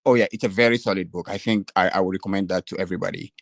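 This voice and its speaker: Male caller from Ghana, polite and halting, heard over a choppy conference call line with a dry sound. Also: sits low, fairly even intonation, creaky, no echo. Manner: polite, halting, with many ums. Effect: conference call line that keeps breaking up. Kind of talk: casual call-in chat.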